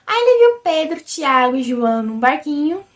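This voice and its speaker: A young Brazilian woman hosts a casual religious video chat, speaking at a moderate pace in a high, squeaky, almost childlike voice with a Brazilian Portuguese accent. Animated and chatty, she keeps turning to her viewers and often calls them "gente."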